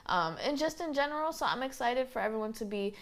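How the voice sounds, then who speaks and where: Speaking at a quick pace with lively intonation, a twenty-something woman with a faint Southern twang delivers a chatty, rambling solo podcast monologue as its host. Her voice sits on the high side, and fillers crop up constantly.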